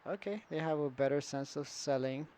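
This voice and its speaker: A man's voice: fairly high pitch, moderate pace, dark tone, a little hiss or hum, poor audio. A man walking through an online store setup in a casual screen-recorded tutorial, thinking aloud with fillers and restarts. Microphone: computer setup with screen recorder and camera.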